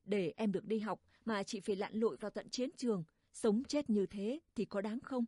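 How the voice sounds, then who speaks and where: A woman's voice: mid-range voice, normal speed, no echo, studio quality, natural voice. Woman reading as a worried young village brother. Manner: gentle, reasoning, worried.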